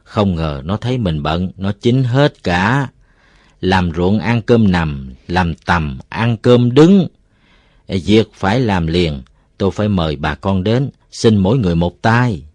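Man playing a polite village farmer, loud, folksy, low voice, dry sound. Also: animated, slow, no echo, full character voice. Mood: courteous. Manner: loud, courteous, folksy speech. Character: polite, cheerful middle-aged farmer addressing the neighbors.

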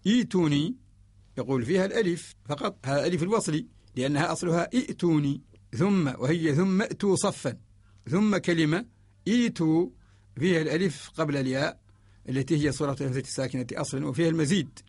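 A man's voice: on the high side, quick pace, a little mellow, breathy edge, dry recording. Methodical male radio teacher, Mauritanian accent. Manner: methodical explanation, reciting short verse examples. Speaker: teacher of Quranic orthography. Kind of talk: radio lesson. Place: radio studio.

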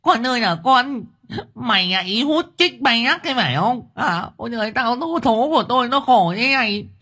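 A man voicing a loud, hysterical middle-aged mother who scolds and wails at a shriek. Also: animated, moderate pace, exaggerated voice. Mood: shrieking scolding. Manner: wailing, scolding at a high shriek.

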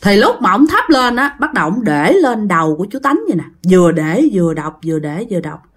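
A woman with a Southern Vietnamese accent tells a ghost story casually and animatedly, speaking directly to her listeners. Her voice is medium-pitched, fairly quick, and slightly rough.

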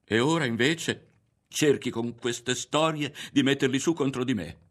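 A man reading an audiobook, voicing an angry, suspicious teenage boy who shouts accusations. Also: medium pitch, unhurried, pitched above the performer's own voice, natural voice. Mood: furious.

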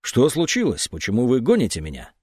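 A man voicing a calm, cunning man posing as a psychiatric patient in an audiobook. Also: mid-range voice, brisk, slightly rough, no echo, studio quality. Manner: calm, unruffled.

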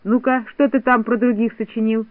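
A man's voice: very high voice, little pitch movement, fairly quick, dry recording. A man doing a stern know-it-all little boy. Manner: stern, reproachful. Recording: tinny phone-like dry sound.

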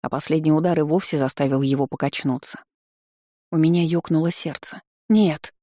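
A narrator giving a steady, expressive audiobook reading of fantasy fiction. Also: medium pitch, fairly quick, dry recording, studio quality.

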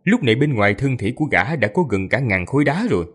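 A man narrating a fantasy audiobook with an expressive, lively delivery. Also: medium pitch, quick pace, slightly rough. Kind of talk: storytelling narration.

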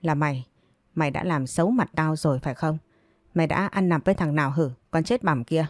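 A woman's voice: low-pitched, brisk, darkish tone, no echo, clean studio sound, natural voice. A woman voicing an angry village father who berates his daughter harshly. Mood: furious. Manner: harsh, furious. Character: furious old village father shouting.

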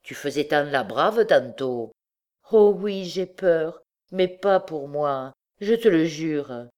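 Pleading mother, emotional and breathless, low-voiced, read by a woman. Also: expressive, slow, darkish tone. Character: desperate pleading mother, middle-aged woman.

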